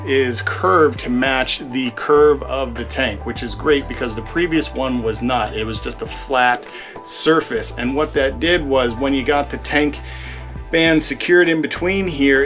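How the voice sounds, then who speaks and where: A man's voice: medium pitch, fairly bright tone. A man giving a casual hands-on review of diving equipment, explaining it as a gear reviewer. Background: guitar music.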